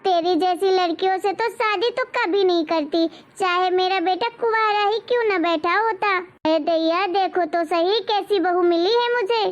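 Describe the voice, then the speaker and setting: A woman's voice: very high voice, moderate pace, hardly any pauses, highs cut off. A woman voicing a nagging, strict middle-aged mother-in-law in a cartoon story, scolding with dramatic exclamations. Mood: outraged.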